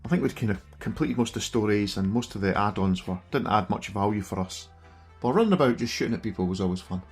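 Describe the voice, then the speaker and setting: A middle-aged Scottish man with a broad accent chats casually through a gameplay stream. His voice is husky and his manner self-deprecating. Faint music plays behind him. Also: lowish voice, fast. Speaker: streamer reviewing a gaming handheld. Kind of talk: casual live gameplay commentary.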